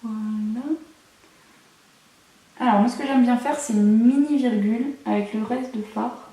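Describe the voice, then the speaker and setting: A woman's voice: fairly high pitch, steady tone, a little slow, mellow, recorded from a distance. A young woman chatting through a makeup tutorial at home, with playful, self-mocking asides. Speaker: beauty vlogger. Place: room at home. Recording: echoey room, mic set away.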